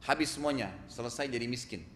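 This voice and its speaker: A male preacher tells a moral story in an animated way, firing rhetorical questions at his listeners. His voice sits at a middle pitch and rings around a large hall with long reverb. A faint ambience hums under it. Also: fast talker, a little hiss or hum. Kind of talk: storytelling sermon.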